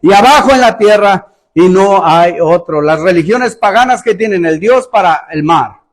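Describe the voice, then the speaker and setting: A man's voice: high voice, expressive, moderate pace. A male pastor preaching a sermon in an emphatic style, acting out sarcastic rhetorical questions.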